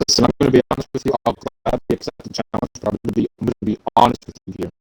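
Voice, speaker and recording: A man's voice: medium pitch, rapid-fire, a little mellow, breathy edge, poor audio. A man trash-talking in a wrestling promo role-play, boastful and swaggering.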